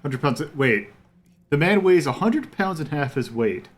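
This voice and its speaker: Guy playing a game on stream, voice jumps all over, thinks out loud. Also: fairly high pitch, big pitch swings, a little slow. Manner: thinking aloud, musing. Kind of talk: casual commentary.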